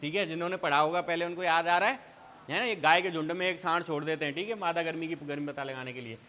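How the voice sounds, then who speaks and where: A man's voice: fairly high pitch, fast, pushed and bright. A male teacher giving an exam revision lecture, asking a question, answering it, then asking again. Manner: quizzing students with repeated call-and-response questions. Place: classroom. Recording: hall reverb.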